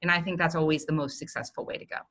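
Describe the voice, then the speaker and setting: A woman's voice: deep voice, flat delivery, rapid-fire, fairly bright tone. A woman giving conversational expert advice as a guest on a business podcast.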